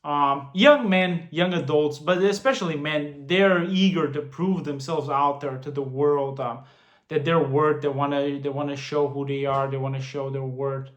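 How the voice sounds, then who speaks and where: A man's voice: fairly high pitch, steady tone, normal speed, lo-fi sound. A man in his late twenties giving casual money advice to the camera, earnest and prone to repeating and restarting phrases. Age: 20s. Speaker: finance vlogger. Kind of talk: casual talking-head advice. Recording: roomy echo.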